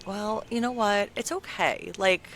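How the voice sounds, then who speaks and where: A woman's voice: medium pitch, unhurried, slight background noise. A young woman co-hosting a podcast in casual chat, telling stories and acting out voices. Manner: chatty, animated storyteller, acts out voices. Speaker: podcast co-host. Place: outdoors with birds and traffic.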